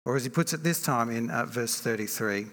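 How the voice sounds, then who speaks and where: A man preaching a sermon in a church, measured and reflective, often asking rhetorical questions. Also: mid-range voice, a bit bright. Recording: long reverb from a large hall.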